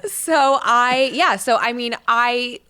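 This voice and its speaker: A woman in her late twenties, a podcast guest, telling stories in a lively, laughing way and acting out quotes. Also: a little high, slow, clean tone. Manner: animated storyteller, laughs often, acts out quotes. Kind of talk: casual chat.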